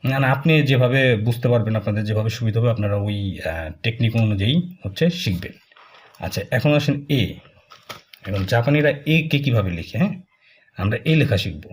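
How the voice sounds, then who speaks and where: A man, teaching a casual language lesson, talking slowly and repeating filler words as he writes strokes. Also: lowish voice, a little hiss or hum. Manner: slow, repetitive, with many fillers while drawing strokes. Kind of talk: casual spoken lesson, explaining while writing.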